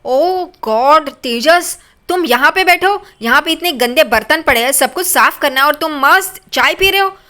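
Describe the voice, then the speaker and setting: A woman voicing a bossy, sharp-tongued young wife who scolds her husband snappily. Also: high-pitched, expressive, normal speed, pitched above the performer's own voice. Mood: scolding.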